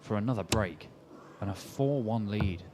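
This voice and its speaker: A man giving live darts commentary in a measured, analytical way as play unfolds. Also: lowish voice, expressive. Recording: clearly noisy background with clicks.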